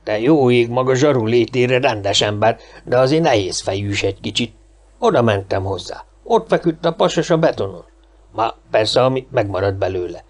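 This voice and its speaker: A man's voice: medium pitch, lively intonation, close to an everyday voice. Man doing a rambling old-time bum. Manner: rambling, gossipy storytelling. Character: scruffy homeless man, chatty and boastful. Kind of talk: audiobook character reading.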